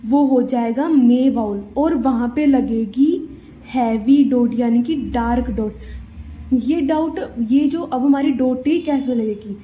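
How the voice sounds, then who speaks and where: The shorthand teacher goes on explaining vowels rule by rule in a slow, fairly high voice, patiently checking in and saying "theek hai" and "dekho" again and again. Slight background noise accompanies the dull, lo-fi audio with its roomy echo.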